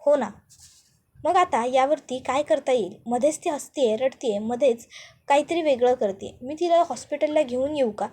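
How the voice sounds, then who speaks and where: A woman voicing a firm young husband, speaking lower and quieter. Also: normal speed. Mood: worried. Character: stern young husband, cold and curt.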